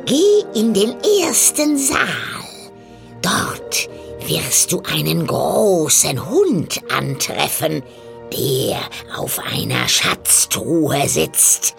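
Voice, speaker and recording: Give me a woman putting on a sly, croaking old witch from a fairy tale, slow and shrill, with faint music behind. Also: big pitch swings, heavily acted. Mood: scheming. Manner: cackling, drawn-out, shrill sing-song. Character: ugly old female witch, sly and tempting. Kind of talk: storybook reading.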